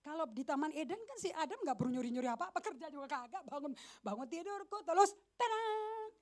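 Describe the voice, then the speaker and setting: Animated high-voiced woman pastor preaching. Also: fast. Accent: Indonesian. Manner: animated, mixes English phrases, jokes with the congregation. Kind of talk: lively sermon. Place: church service.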